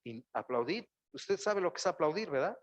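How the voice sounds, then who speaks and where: A man's voice: on the high side, expressive, moderate pace. A man, a pastor preaching a sermon in a church and calling out to the congregation. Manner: preaching with rising exclamations and acted-out quotes. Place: church sanctuary.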